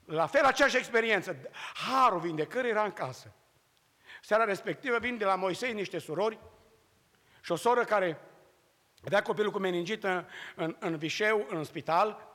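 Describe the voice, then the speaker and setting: A man from Romania preaching a sermon and telling a testimony, swinging between loud cries and hushed storytelling. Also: high-pitched. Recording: long hall reverb.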